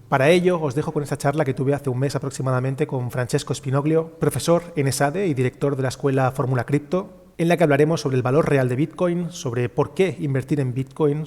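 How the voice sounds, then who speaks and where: A man's voice: medium pitch, darkish tone, big-room sound. A man hosting an interview on his trading channel, introducing his guest and asking questions in a friendly, casual way. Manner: friendly, brief backchannels.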